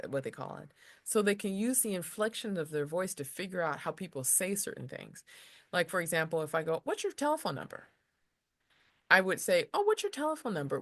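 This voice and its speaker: A woman tutors in a relaxed, explanatory way, circling back and restarting as she works through ideas. Now and then she slips into little example voices. Her voice sits on the low side and is recorded close and dry, with no room sound. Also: dry recording. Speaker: tutor explaining lesson material. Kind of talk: casual explanatory lesson.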